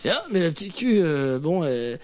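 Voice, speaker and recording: A man's voice: a little high, very animated, normal speed, smooth. A man telling a joke on a radio comedy panel, hesitant and rambling, stumbling over his own story. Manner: hesitant, rambling, self-interrupting. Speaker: guest comedian. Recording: studio audience laughter.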